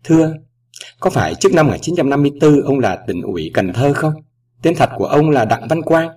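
An emotional grown daughter, as a male reader puts her on, her voice pitched up high and swinging widely as she pleads through a lump in her throat. The voice sounds a little husky and sits far back from the microphone. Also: sing-song, a little fast, a little mellow. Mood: polite, tense. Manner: choked, raised voice. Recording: voice distant from the mic.

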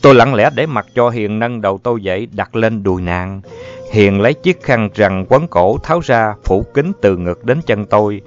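A man's voice: fairly low pitch, lively intonation, moderate pace. A man narrating a first-person story in a lyrical, emotive manner. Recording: dull lo-fi audio, faint music.

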